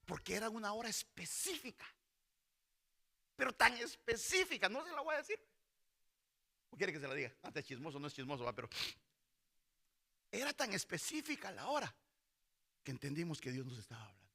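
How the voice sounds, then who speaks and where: Gravelly bright-voiced man preaching. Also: sits high, big pitch swings, fairly quick, pauses often. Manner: preaching with call-and-response to the congregation; acts out voices in Bible stories. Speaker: pastor. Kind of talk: sermon. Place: church hall.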